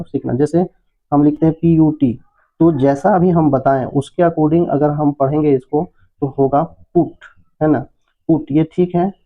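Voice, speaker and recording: A man hosting an English lesson for beginners, explaining spelling and pronunciation patiently and repeating checks with his listeners. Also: fairly high pitch. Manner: patient, repetitive explaining with frequent "है ना". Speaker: English teacher, channel host. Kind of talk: Hindi-language English lesson. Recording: tinny phone-like audio.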